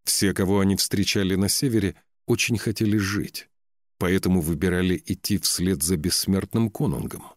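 A man narrates a fantasy novel in a very low, deep voice. His reading is measured and dramatic, and he lingers on key words. The sound is dry and close, with no room echo. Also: fairly even intonation. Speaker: audiobook narrator.

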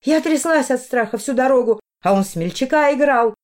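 A woman's voice: fairly high pitch, moderate pace, a little mellow, lightly acted. A woman voicing an emotional middle-aged mother who pleads and flares up in anger. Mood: indignant. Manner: pleading, agitated outbursts.

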